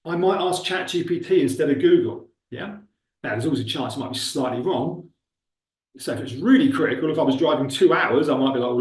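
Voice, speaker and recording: Clicking through a demo in a relaxed screen-share tutorial, a man who trains recruiters chats and thinks out loud in a Milton Keynes accent. His voice is fairly high-pitched yet darkish in tone. The mic sits well away from him, giving a distant, roomy, echoing sound.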